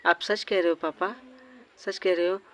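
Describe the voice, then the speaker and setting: A man voicing a tearful young woman in love in a doll cartoon, raising his pitch. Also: level tone, normal speed, a bit bright. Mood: pleading. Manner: pleading, tearful.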